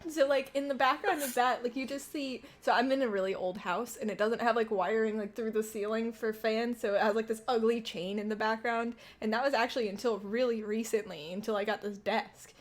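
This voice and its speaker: A woman streamer talks from her desk at home in a somewhat high voice. She chats casually and excitably, giggling often and swearing freely as she goes. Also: fairly quick, few pauses. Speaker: streamer host.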